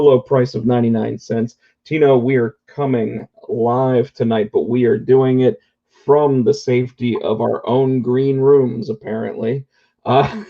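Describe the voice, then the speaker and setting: A man's voice: medium pitch, mellow, lo-fi sound. A man co-hosting a casual talk show remotely from home, chatting conversationally. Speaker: podcast co-host. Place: indoors at home, remote call.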